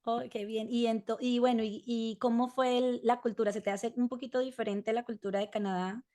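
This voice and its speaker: Higher-voiced woman hosting an interview. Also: flat delivery, brisk, dark tone. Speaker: podcast host. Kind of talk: casual interview.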